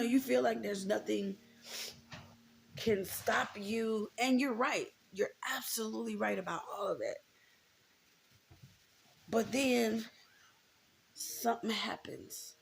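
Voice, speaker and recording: Reflective and informal, a vlogger in her thirties from America talks candidly to her audience, repeating things for emphasis. Her voice is mid-range and gravelly, and she's indoors in a room with a closet.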